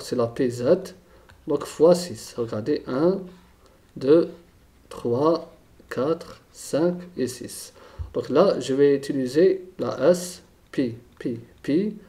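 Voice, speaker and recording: A man's voice: mid-range voice, mellow. A man teaching a chemistry lesson, thinking aloud and repeating key terms, often checking with "d'accord?".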